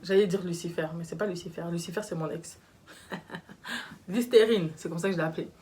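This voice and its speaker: A young adult woman telling a story in casual storytime style, slangy and animated, acting out the people she quotes. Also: lowish voice, fairly quick.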